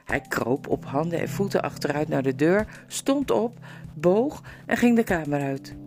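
A woman's voice: low voice, animated, a little slow, darkish tone, soft background music. A woman reading a children's storybook aloud, telling the story expressively. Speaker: reader.

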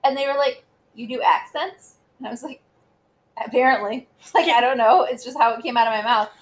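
A woman's voice: fairly high pitch, quick pace, rough recording. A woman in her thirties co-hosting a podcast in casual chat, rambling with lots of fillers and giggles. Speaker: podcast co-host.

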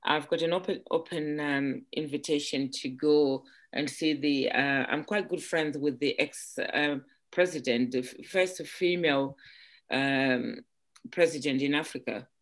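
A woman from Zimbabwe, an entrepreneur guest in an interview, who talks haltingly with many restarts and "um"s. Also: sits low. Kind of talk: casual interview chat.

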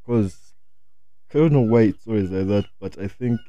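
A young man with a deep, mellow voice chats casually as a guest. He is slow and hesitant, leaning on street slang, and the sound is dry and close. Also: no echo, highs cut off. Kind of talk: casual chat.

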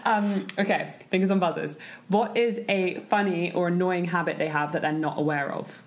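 A woman's voice: on the low side, fairly even intonation, moderate pace, a little hiss or hum. Breezy woman hosting an interview.

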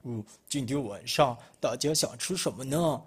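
A man doing a booming bossy wolf. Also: moderate pace, slightly rough, lightly acted. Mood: musing. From Malaysia. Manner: booming, excitable. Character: bossy lead wolf, loud and fickle. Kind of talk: storybook reading.

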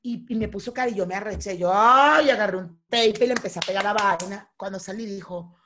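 A woman's voice: medium pitch, fast talker, slight background noise. A young woman with a Venezuelan accent, chatting casually and animatedly with a co-host. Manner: animated, repetitive, laughing often. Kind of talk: casual chat, acting out a mock argument.

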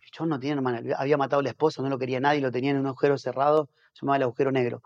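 A man's voice: mid-range voice, muffled recording. A man, a pastor and missionary, telling stories as a guest in a casual interview, restarting and repeating words as he goes. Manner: rapid, animated storytelling with many restarts and repeated words.

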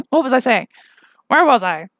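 A woman's voice: a little high, very animated, a little slow, fairly bright tone, no room sound, studio quality. Chatty young woman telling a personal story. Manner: chatty, self-deprecating, emotional at times. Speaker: podcast host. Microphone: camera mic.

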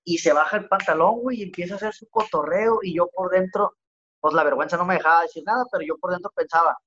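A man's voice: high voice, quick pace, bright, forceful tone, highs cut off, slight background noise. A man with a Mexican accent telling a story in a casual, rambling podcast chat, heavy on slang, over a remote call. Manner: slangy, rambling, packs "güey" into every sentence. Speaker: podcast guest. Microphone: remote call audio.

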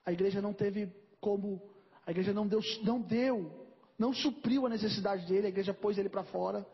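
Husky high-voiced man preaching. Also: fairly quick, dull audio. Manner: storytelling sermon, acting out dialogue with God. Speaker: pastor. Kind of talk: sermon.

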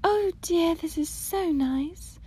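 A woman voicing a sweet, eager little princess in a storybook, with a lilting, breathy delivery. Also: very high-pitched, slow pace, dark tone, voice pushed up. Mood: delighted.

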